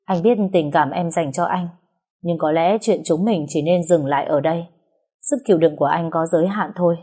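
A woman voicing a young man who speaks calmly and gently. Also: on the low side, normal speed, husky. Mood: resolute. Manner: calm, soothing.

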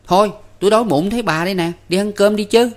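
A man voicing Năm, an excitable young street tough who blurts out his words in a high voice. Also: a little fast, close to an everyday voice. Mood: hungry, loud.

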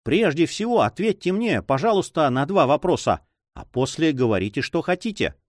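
A man voicing an old female duenna who sighs, grumbles and fusses in a high voice. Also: big pitch swings, moderate pace, dry recording, clean studio sound. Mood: grumbling. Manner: sighing, fussy, grumbling.

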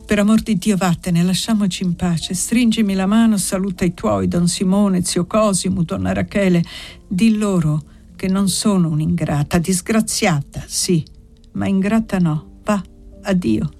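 A woman's voice: mid-range voice, fairly even intonation, unhurried, mellow, faint music behind. A woman reading the part of a desperate young servant woman who begs and pleads, in an audiobook. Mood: pleading.

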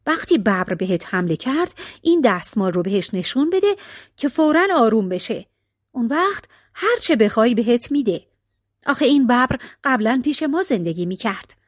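A woman's voice: a little high, sing-song, dry recording, studio quality. A woman reading the lines of the archer's clever, caring young wife in a folk tale.

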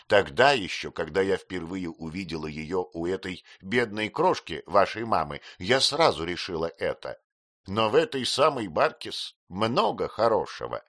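A man reading an audiobook, voicing a blunt, fond elderly great-aunt who speaks in brisk exclamations. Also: deep voice, sing-song, a bit bright, no room sound, studio quality, heavily acted. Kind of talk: audiobook character voice.

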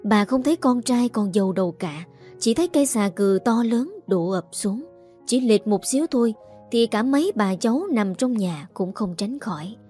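Warm somber woman storyteller. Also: fairly high pitch, expressive, moderate pace, soft background music. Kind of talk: scripted story narration.

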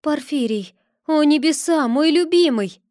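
A woman reading an audiobook, voicing a grieving high witch who speaks in a tearful, passionate way. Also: moderate pace, warm tone, no echo, studio quality, natural voice.

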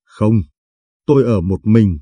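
A man reading as a frightened old woman, husky. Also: lowish voice, animated, slow, dark tone, no room sound, full character voice. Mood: pleading. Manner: pleading, stammering.

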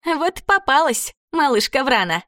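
Spiteful ghoul girl ghost as a woman puts her on, high and mocking, cackling, storybook villain. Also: sing-song, a little slow, a bit bright, no echo, clean studio sound, heavily acted.

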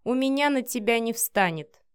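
A woman's voice: a little high, lively intonation, normal speed, clean tone, close to an everyday voice. A woman reading the lines of a hungover, flustered young man who keeps exclaiming in protest. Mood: irritated.

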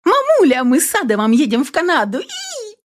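A woman's voice: on the high side, sing-song, normal speed, voice pushed up. A woman voicing a bubbly, affectionate teenage girl of nearly eighteen who gushes and coaxes with pet names. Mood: excited. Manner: gushing, coaxing, uses pet names.

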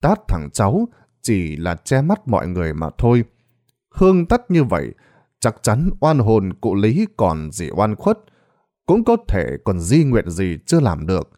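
A man's voice: lowish voice, huge pitch swings, a little slow, mellow. A man reading a ghost story aloud in a dramatic storytelling manner. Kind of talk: scripted narration.

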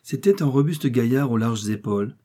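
Un homme qui lit un roman à voix haute, d'un ton posé et régulier. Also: male voice, medium pitch, expressive, normal speed, warm tone. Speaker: audiobook narrator. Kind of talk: audiobook reading of a novel.

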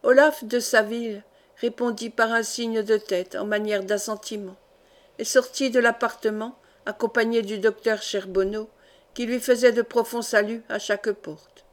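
Woman narrating a classic novel, fairly high voice. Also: fairly even intonation, normal speed. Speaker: audiobook reader. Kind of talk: literary audiobook narration.

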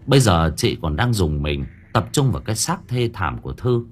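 A man narrating an audiobook story dramatically, slowing down for suspense. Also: low-pitched, sing-song, slightly rough.

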